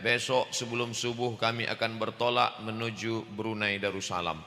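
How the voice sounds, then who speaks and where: Loud booming preacher, echoey hall. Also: male voice, flat delivery, moderate pace, slight background noise. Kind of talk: humorous sermon. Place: large mosque. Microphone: handheld microphone.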